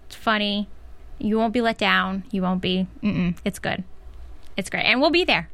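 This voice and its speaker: A woman's voice: mid-range voice, normal speed, creaky, a bit bright, no echo. Chatty upbeat woman co-host. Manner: chatty, laughs often, upbeat plugs. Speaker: show co-host. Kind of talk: casual TV recap chat.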